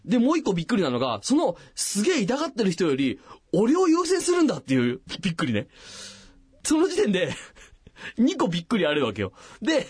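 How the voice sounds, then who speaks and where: A man's voice: brisk, slightly rough, no echo, clean studio sound. A man hosting a late-night radio show, casually telling a long personal story and acting out the voices of the people in it. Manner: animated, acts out quoted voices with big pitch jumps. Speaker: radio host. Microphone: studio microphone.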